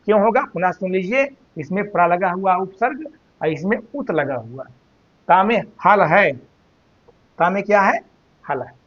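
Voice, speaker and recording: Male Hindi teacher, high voice, unhurried drilling delivery, dull lo-fi sound. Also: lively intonation, fairly bright tone. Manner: slow, drawn-out repetition of words, addresses students as "beta". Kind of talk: spelling and grammar lesson.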